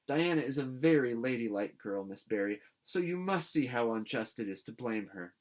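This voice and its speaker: A man's voice: medium pitch, animated, normal speed, natural voice. A man reading a storybook as an earnest, dramatic orphan girl who pleads in formal, effusive speech. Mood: nervous, confessing.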